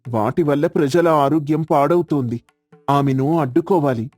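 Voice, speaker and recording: A man's voice: on the high side, normal speed, a little mellow, faint music behind, natural voice. A young man playing an earnest, determined village doctor. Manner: firm, earnest.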